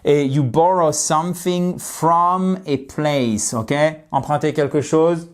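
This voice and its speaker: A man teaching English vocabulary in a video lesson, deliberately repeating each example sentence. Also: a little high. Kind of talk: video lesson for French speakers.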